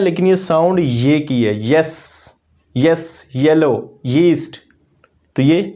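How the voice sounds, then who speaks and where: Mellow-voiced man teaching a lesson. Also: sits high. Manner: methodical, repeats example words slowly for demonstration. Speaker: English language teacher. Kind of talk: explanatory lesson.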